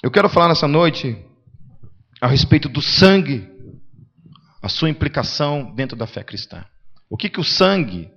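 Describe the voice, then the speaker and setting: A man preaching a lively sermon as a pastor, swinging between loud emphatic lines and quiet asides, with frequent tag questions. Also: moderate pace, long pauses, husky. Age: adult with a young son. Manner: conversational with frequent "né?" tags. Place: church meeting. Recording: dull low-fidelity sermon recording.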